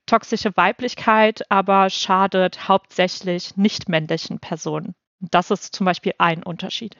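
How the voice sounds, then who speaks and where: A woman of twenty-eight from North Rhine-Westphalia, co-hosting a podcast and explaining things in a measured way. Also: medium pitch, steady tone, fairly bright tone, dry recording, highs cut off. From North Rhine-Westphalia, Germany. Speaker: podcast co-host. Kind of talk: scripted podcast discussion.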